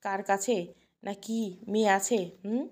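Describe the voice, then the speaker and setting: A woman's voice: medium pitch, steady tone, unhurried, a little mellow, natural voice. Woman voicing a bitter scheming aunt. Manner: whining, resentful, complaining. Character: bitter scheming aunt, jealous for her son.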